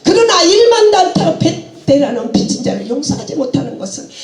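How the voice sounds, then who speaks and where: High-pitched impassioned woman preaching. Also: big pitch swings, a little fast, reverberant, over music. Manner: impassioned, laughing and exclaiming while preaching; mixes English phrases into her preaching. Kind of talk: sermon.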